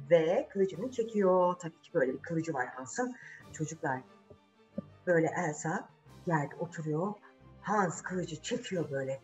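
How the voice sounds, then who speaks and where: This children's storyteller and channel host has a mid-range voice, captured in poor audio. She dramatizes a fairy tale conversationally, asking rhetorical questions and repeating lines for suspense.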